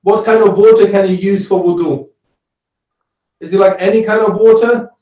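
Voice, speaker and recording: A man's voice: sits high, fairly even intonation, normal speed, lo-fi sound. A man teaching an interactive religious lesson, posing questions, repeating his phrases and often checking with "right?". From Switzerland. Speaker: Islamic studies teacher. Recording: roomy, echoey sound.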